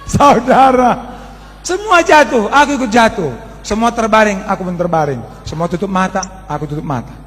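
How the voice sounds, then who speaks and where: Brief: high-pitched male pastor, lively colloquial sermon, echoing through a large church hall. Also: moderate pace. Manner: animated, colloquial, addresses the congregation as "saudara". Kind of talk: storytelling sermon. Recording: long reverb of a large hall.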